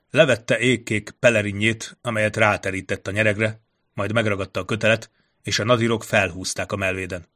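A man narrating a fantasy audiobook in a steady storytelling manner. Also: lowish voice.

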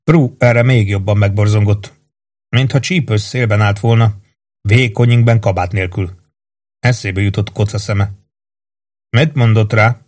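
A man reading a novel aloud in calm, measured narration. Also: fairly low pitch. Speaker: audiobook narrator. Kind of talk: scripted narration.

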